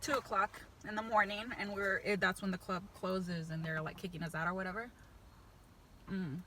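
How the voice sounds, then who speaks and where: A woman's voice: mid-range voice, level tone, normal speed, pushed and bright, a little hiss or hum. A young woman telling a casual, slangy story as she eats, chewing while talking. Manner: slangy, chatty. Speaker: vlogger.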